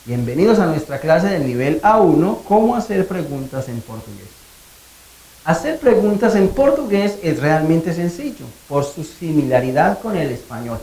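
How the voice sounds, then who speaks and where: A woman teaching a scripted language lesson, her pitch rising and falling widely as she stretches out example questions. She speaks clearly and deliberately, like a teacher leading her class. The room around her is echoey. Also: sing-song, dark tone.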